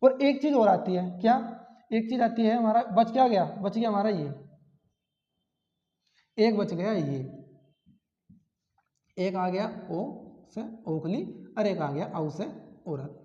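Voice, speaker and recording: A man's voice: sits high, mellow. A man teaching an exam-prep grammar lesson, repeating key terms and asking rhetorical questions. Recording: echoey, dull lo-fi classroom sound.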